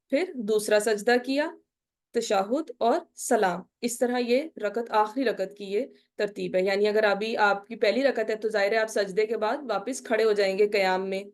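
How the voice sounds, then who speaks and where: High-voiced woman teaching prayer rules. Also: darkish tone. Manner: quizzing listeners with repeated "ٹھیک ہے؟" checks; slow, careful Arabic recitation of the salutation. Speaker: Islamic studies teacher. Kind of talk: online lecture on prayer.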